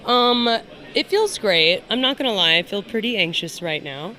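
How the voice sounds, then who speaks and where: Bright-voiced woman, candid and rambling. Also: mid-range voice, animated, normal speed. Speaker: festival guest being interviewed. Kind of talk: casual red carpet interview.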